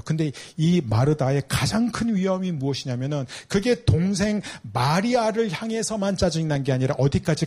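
Animated, higher-voiced male preacher. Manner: animated, rhetorical questions to the congregation. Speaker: pastor. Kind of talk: sermon.

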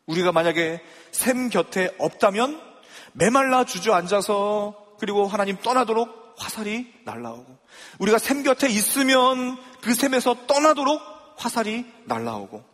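A man's voice: high-pitched, a bit bright, in a large hall. A male pastor preaching a sermon, driving his points home with emphatic rhetorical questions to the congregation. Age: young adult or middle-aged father.

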